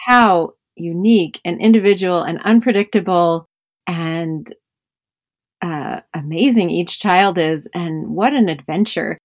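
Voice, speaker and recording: A woman's voice: fairly low pitch, measured pace, dry recording, studio quality. A woman in her thirties, a mother of five and podcast host, talking reflectively in a casual conversation with many fillers.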